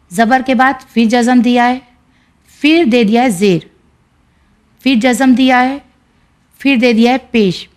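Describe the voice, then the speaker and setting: A woman teacher with an Indian Urdu accent, patiently explaining a reading lesson and sounding out syllables slowly and clearly. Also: on the high side.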